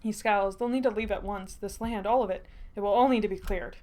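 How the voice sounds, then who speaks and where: A woman's voice: mid-range voice, steady tone, a little fast, a little mellow, natural voice. A woman voicing a pompous, greedy male king who huffily orders people about. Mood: indignant. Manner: huffy, self-important proclamations.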